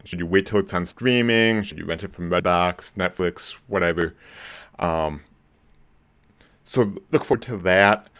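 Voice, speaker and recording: Hosting a relaxed live stream about films, a man in his forties meanders, restarting sentences and filling gaps with um. His voice is slightly lower than normal, with a clean, slightly bright tone.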